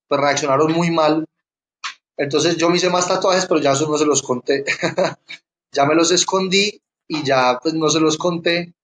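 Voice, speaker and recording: A young man giving a personal testimony, halting and often repeating words as he restarts. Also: on the high side, a bit bright. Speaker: interviewee sharing his testimony.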